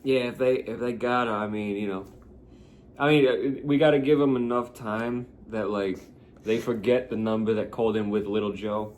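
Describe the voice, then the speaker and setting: A man's voice: fairly low pitch, steady tone, normal speed, a little mellow, a little hiss or hum. A man co-hosting a podcast, trading laid-back, profane banter in casual chat. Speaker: podcast co-host.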